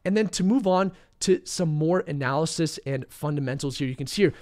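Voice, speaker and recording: Brisk and on the high side with a darkish tone, a young man confidently explains market charts in a casual commentary, sounding a bit hoarse and under the weather.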